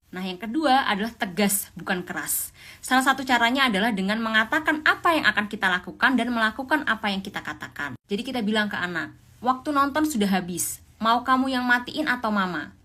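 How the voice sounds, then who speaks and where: Woman, calm advice-giver on parenting, bright tone, steady teaching delivery. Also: on the high side. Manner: calm, acts out raised-voice examples. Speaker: parenting educator. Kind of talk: explanatory parenting advice talk.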